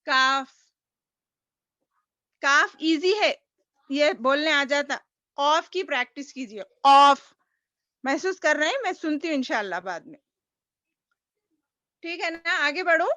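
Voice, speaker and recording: High bright-voiced woman teaching online. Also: lively intonation, long pauses, no room sound. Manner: patient, demonstrates sounds by repeating them. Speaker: Quran recitation teacher. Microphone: video call. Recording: dull lo-fi online call audio.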